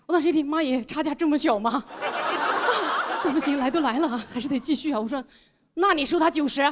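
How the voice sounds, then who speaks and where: A young adult woman telling a stand-up comedy story in an animated way, often laughing through her lines. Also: sits high, brisk. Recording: noisy live stage recording.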